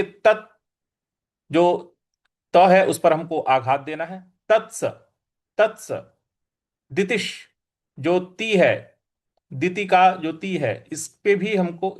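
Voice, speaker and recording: Slow, high-voiced man teaching recitation. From India. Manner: slow, careful, repeats syllables for pronunciation. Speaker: scripture teacher. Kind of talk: recitation lesson on pronunciation.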